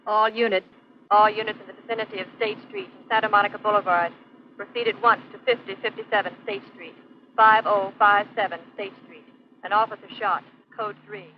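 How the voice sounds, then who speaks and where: An actor playing a male police radio dispatcher in a 1940s film, calling out orders over the police radio in a quick, clipped, official way. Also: high voice, fairly even intonation. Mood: urgent. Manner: rapid official call-out of orders. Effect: police radio broadcast. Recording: lo-fi 1940s film radio audio with faint hiss.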